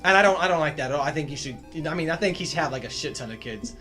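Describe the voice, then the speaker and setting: Stammering excitable man chatting games. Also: on the high side, rapid-fire, faint music behind. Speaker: co-host of a gaming channel. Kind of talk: casual gaming chat.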